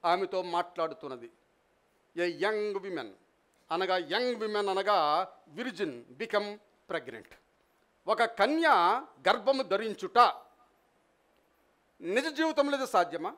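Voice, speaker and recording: A man's voice: sits high, a bit bright. A male pastor preaching an emphatic sermon, repeating phrases and leading the congregation in responses, with some lines in English spoken.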